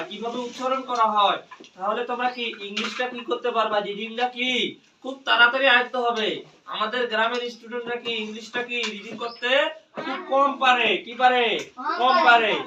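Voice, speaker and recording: A male teacher drilling his class call-and-response, repeating questions loudly to the pupils. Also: very high voice, highs cut off. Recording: echoey classroom, distant mic, loud noise.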